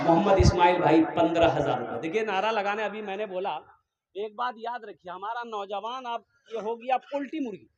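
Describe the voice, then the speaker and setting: A man's voice: sits high, fairly quick, muffled recording. A man preaching a fiery, humorous sermon with a fundraising appeal, in with a tinge. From Kolkata, India. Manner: theatrical, humorous, rousing, calls the crowd out. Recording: echoey loudspeakers, crowd noise.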